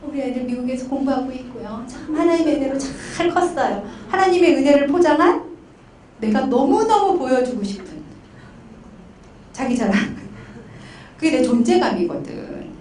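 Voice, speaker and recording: Middle-aged woman counselor, high voice, animated storyteller, distant mic in a roomy hall. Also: moderate pace, slight background noise. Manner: animated storytelling with acted quotes. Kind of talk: conference talk. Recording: echoey hall from far off.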